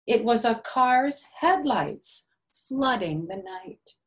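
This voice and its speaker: With a slow pace and lively intonation, an older woman reads a picture book to young children in a voice on the high side. Her phrasing stays simple, and she adds small questions and asides for the listeners.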